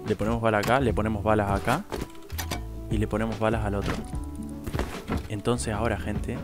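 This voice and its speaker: A man's voice: fairly low pitch, flat delivery, fairly quick, over music. A young man with an Argentine accent giving casual, slangy live commentary on his online gameplay, talking to his chat. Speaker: streamer.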